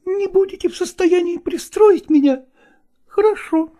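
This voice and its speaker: A woman's voice: extremely high pitch, unhurried, dark tone. A woman voicing a stubborn young novice actress in an audiobook drama, insistent and pleading.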